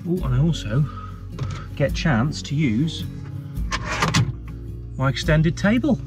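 Inside a parked camper van, a van life vlogger in his thirties with an English accent takes his time, his fairly high voice full of lively intonation. He chats to a mounted action camera in a cheeky, upbeat way, with music beneath.

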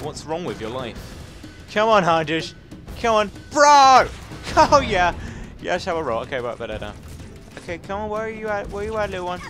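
A man's voice: sits high, a bit bright. A young man commentating his own video game playthrough, chattering and repeating words in bursts. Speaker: gaming channel host. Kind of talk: excitable let's-play commentary. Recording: game music underneath.

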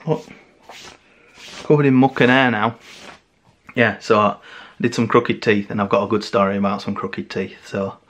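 A man's voice: lowish voice, fairly even intonation, normal speed, long pauses, a bit bright. A man chatting casually on his art vlog, rambling and correcting himself as he goes, with frequent laughs. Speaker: art vlogger.

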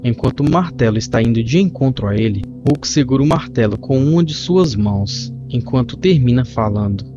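A man narrating a comic book as a reader, describing the panels in steady storytelling. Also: mid-range voice, a little fast, hardly any pauses. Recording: muffled lo-fi with faint music.

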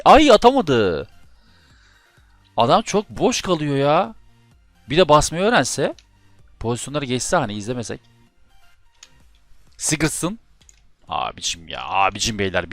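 A man doing live commentary over his own football video game match, often exasperated and shouting at his players and his keyboard. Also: lowish voice, dry recording. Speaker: gaming YouTuber.

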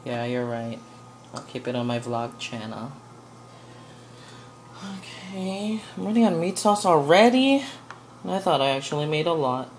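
A woman's voice: deep voice, sing-song, moderate pace, pauses often, a little mellow, a little hiss or hum. A young woman chatting casually as she cooks in her home kitchen for a vlog, rambling and giggly. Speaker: cooking vlogger.

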